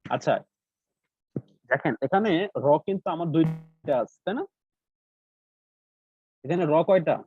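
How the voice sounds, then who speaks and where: A man's voice: on the high side, expressive, unhurried, long pauses. A man teaching Quran recitation rules in an online class with a Bangladeshi Bengali accent, explaining step by step and often checking that students follow. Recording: dry tinny call audio.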